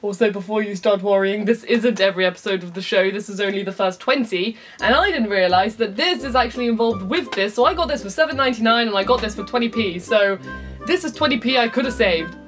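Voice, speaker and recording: A woman's voice: medium pitch, fast talker, fairly bright tone, soft background music. A young British woman doing a bubbly, jokey review of a video game, with playful squeals and sing-song asides. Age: young adult. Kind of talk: upbeat comedic game review.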